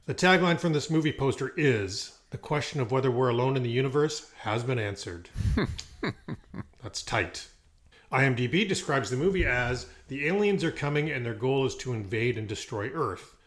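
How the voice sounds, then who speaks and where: A man's voice: medium pitch, expressive, moderate pace, fairly bright tone. Middle-aged man hosting a podcast. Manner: upbeat, announcer-like reading with occasional fillers. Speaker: podcast host. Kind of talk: scripted podcast introduction.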